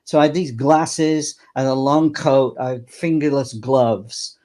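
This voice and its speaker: A man's voice: medium pitch, fairly even intonation, measured pace, mellow. An older man, a clown performer, reminiscing in an interview in a rambling way, with many halts and restarts.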